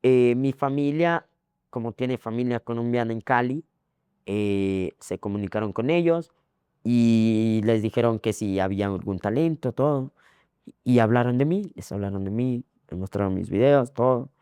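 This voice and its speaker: A young man from Ecuador with an Ecuadorian accent, telling his story as a guest in a casual interview, repeating phrases and filling pauses. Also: medium pitch, dark tone, smooth, no echo, studio quality. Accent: Ecuadorian Spanish. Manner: rambling, repeats phrases, frequent fillers.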